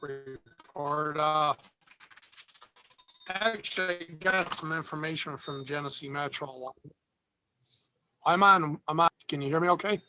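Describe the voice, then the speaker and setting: A road advisory committee member gives an informal report at a public meeting held over video call, his connection choppy and breaking up. He halts and pauses often with "uh," his fairly high voice sounding muffled and dull over music, with faint noise.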